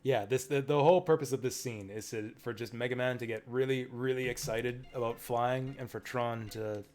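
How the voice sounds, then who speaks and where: A man's voice: mid-range voice, fairly even intonation, moderate pace, a little mellow. A man streaming a game, giving casual, rambling, enthusiastic fan commentary. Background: video game music and dialogue.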